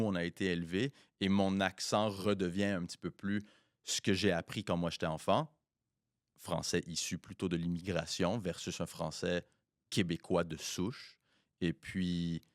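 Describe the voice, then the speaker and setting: Male co-host, 30s, low voice, code-switching French and English, firm and emphatic. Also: no echo, clean studio sound. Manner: switches between French and English mid-sentence; opinionated and emphatic. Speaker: podcast co-host. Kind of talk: casual bilingual chat.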